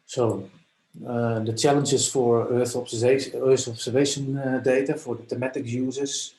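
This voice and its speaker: A man presenting a training session over a video call, speaking haltingly with many filler sounds. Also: medium pitch, level tone, darkish tone, roomy sound, low-quality recording. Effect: heard over a video call.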